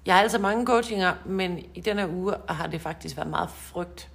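A woman's voice: lowish voice, vocal fry, fairly bright tone. A woman co-hosting a casual podcast chat, a coach who talks in a chatty, laughing way and often repeats words.

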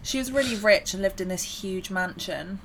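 A woman's voice: medium pitch, normal speed, fairly bright tone, a little hiss or hum. A young woman co-hosting a podcast, chatting casually and giggling often. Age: 20s. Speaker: podcast co-host. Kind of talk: casual chat.

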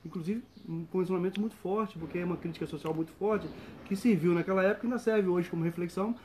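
A man who works as a mamulengo puppeteer, explaining his craft casually and speaking in quick bursts with restarts. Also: sits high, slight background noise. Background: loud guitar music.

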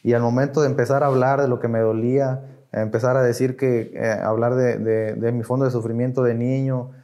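A man's voice: medium pitch, level tone, a little fast, mellow, highs cut off. A young man with a Mexican accent, a podcast guest talking casually about his past, slangy and emotional, acting out the voices of people he quotes. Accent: Mexican Spanish. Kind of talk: casual conversation.

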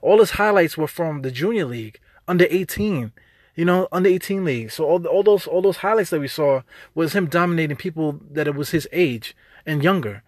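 A fired-up man with a New York accent rants unscripted on his podcast, stumbling over repeated words and slipping into slang. His voice sits a little on the high side. The sound is dry and close, with no room around it. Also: fairly quick, no room sound. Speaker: podcast host. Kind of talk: unscripted sports rant.

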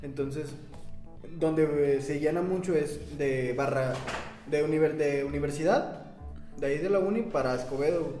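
A man's voice: fairly high pitch, moderate pace, dark tone, soft background music. Guy rambling w friends, swears a lot, laughs, echoey room. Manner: rambling, laughs often, crude slang. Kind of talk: casual chat among friends.

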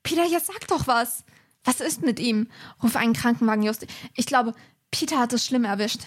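A woman's voice: fairly high pitch, moderate pace, breathy edge. A woman voicing a panicky teenage boy detective in a fan-written audio drama scene, frantic and accusing. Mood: panicked.

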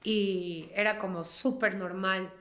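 A woman's voice: medium pitch, steady tone, takes it slowly, fairly bright tone. A woman in her thirties, a singer-songwriter talking casually in an interview, chatty and often trailing off to restart. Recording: roomy echo.

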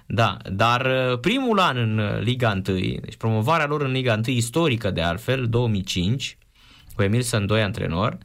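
A man in casual sports chat, an animated storyteller reminiscing about football. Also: medium pitch. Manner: animated storyteller, shouts imitations.

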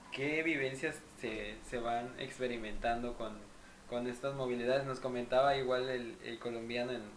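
A man hosting a podcast in relaxed casual chat. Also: mid-range voice. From Mexico. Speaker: podcast host. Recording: roomy with faint noise.

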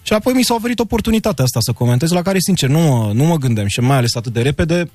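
A man, a football commentator, talking as a guest in a radio studio interview, explaining his work in a relaxed, fluent way. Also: fairly high pitch, no echo.

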